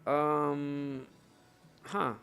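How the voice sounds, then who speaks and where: Gravelly young man chatting on stream. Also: a little high, monotone, very slow, fairly bright tone, a little hiss or hum. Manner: rambling, chatty, talks to chat while browsing. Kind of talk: casual live-stream chat.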